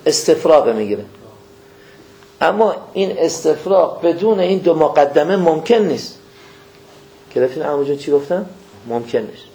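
Quoting scripture in slow, measured phrases and questioning listeners face to face, a man gives a folksy religious lecture. His voice is a little high and animated, with vocal fry and a warm tone.

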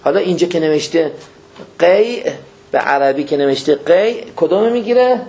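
A man preaching a religious lecture, speaking in a folksy way, questioning his listeners directly and quoting scripture in a slow, measured cadence. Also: fairly high pitch, expressive, a little mellow.

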